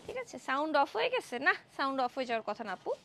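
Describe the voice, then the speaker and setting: Young woman from bangladesh doing a live dress sale, high voice, chatty and excited. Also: quick pace. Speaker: live-stream clothing seller. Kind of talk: Facebook live sales pitch. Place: indoor showroom.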